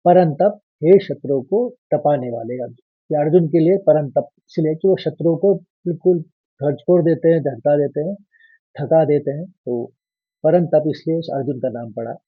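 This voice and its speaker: A man teaching how to pronounce a verse line by line. He chants the lines slowly and loudly, then explains in a low, quiet voice. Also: husky, no room sound, narrow, tinny audio. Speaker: Sanskrit recitation teacher. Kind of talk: step-by-step verse pronunciation lesson.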